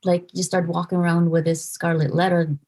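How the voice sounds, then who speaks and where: A woman in her forties from the Philippines, speaking as a podcast guest. Her voice sits low with a mellow, relaxed tone, and she talks earnestly, halting and restarting her thoughts. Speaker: podcast guest, nurse practitioner. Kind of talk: casual interview conversation.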